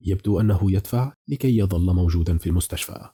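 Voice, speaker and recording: A man's voice: low-pitched, fast, dark tone, breathy edge. A man narrating a horror novel as an audiobook, reading all the characters' dialogue in a near-plain voice.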